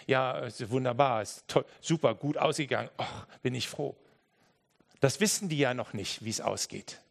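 Gravelly-voiced preacher with dramatic swings. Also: male voice, mid-range voice. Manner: emphatic, speaks directly to the listener, sudden loud and soft swings. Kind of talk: sermon.

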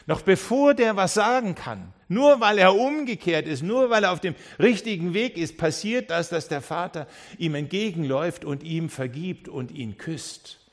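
A male pastor delivers a sermon with a voice pitched a little above the usual for a man. He tells the story with animation, slipping into the characters' parts and restarting his sentences along the way. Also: moderate pace, few pauses. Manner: lively storytelling that acts out the characters; frequent restarts and repeated words.

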